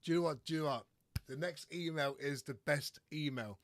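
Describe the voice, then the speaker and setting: A man hosting a podcast in casual chat, swearing often, ranting and clearing his throat. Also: a little high, fairly quick, dry recording, studio quality. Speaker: podcast host.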